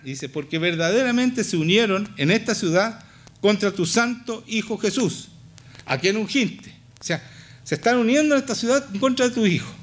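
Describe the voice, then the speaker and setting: A middle-aged pastor with a Chilean Spanish accent preaches a passionate sermon in church. His voice swings from low to high, driven by emphatic repetition.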